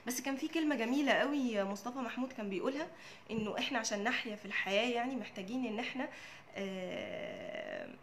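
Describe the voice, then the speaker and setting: A woman's voice: fairly high pitch, very animated, fast talker, a little hiss or hum. A woman with an Egyptian Arabic accent, a therapist and coach, talking casually and asking and answering her own questions. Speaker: psychotherapist and coach. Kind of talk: casual talk to camera.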